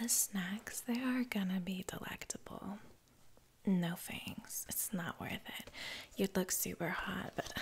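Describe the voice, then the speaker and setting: A young woman gives a whispered role-play as a sassy makeup artist with a Valley Girl accent. She speaks very slowly in a soft whisper, chatty and full of compliments, with little affirming murmurs, close to the mic. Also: medium pitch, vocal fry. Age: young adult. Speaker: ASMR performer playing a makeup artist. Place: small furnished room, indoors. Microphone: close microphone.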